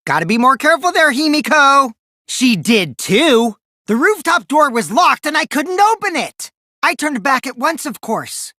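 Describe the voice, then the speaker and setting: This very high, very animated male voice belongs to an actor playing a mischievous teenage boy in an anime game dub, a gleeful liar swinging from singsong mockery to sly menace as he teases and taunts theatrically. He speaks at a moderate pace with a sharp tone and an exaggerated delivery. The sound is clean studio audio with no echo, and the mood is teasing.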